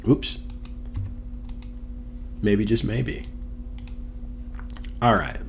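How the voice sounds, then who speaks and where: Hoarse from a cold, a university instructor teaches a casual, screen-recorded data tutorial, thinking aloud with fillers. His voice is on the low side with a steady tone and drawn-out words, and there's slight background noise.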